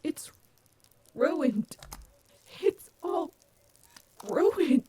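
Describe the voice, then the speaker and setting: A woman's voice: high voice, sing-song, very slow, noisy background, full character voice. A woman playing a sarcastic, short-tempered yet caring animatronic wolf in an audio roleplay, with an exasperated manner. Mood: panicked, distraught.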